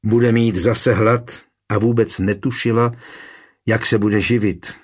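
A man narrating a historical story as an audiobook, calm and measured. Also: fairly low pitch, breathy edge.

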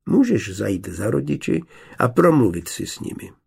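A man voicing a proud young village woman, quiet and reproachful, in a storybook reading. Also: lowish voice, big pitch swings, creaky, breathy edge, full character voice.

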